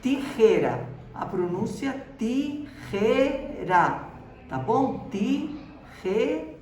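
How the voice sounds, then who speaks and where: A woman's voice: mid-range voice, lively intonation, takes it slowly, a little mellow. A Brazilian woman teaching a school lesson, explaining each word patiently and checking in with the class after every point. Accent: Brazilian Portuguese. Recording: roomy echo, voice from a distance, faint background noise.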